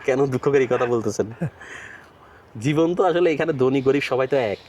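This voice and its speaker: A man vlogger conducting a casual street interview outdoors, firing brisk probing questions and calling his interviewee uncle. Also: medium pitch, a little mellow, slight background noise. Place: outdoors in a city cemetery.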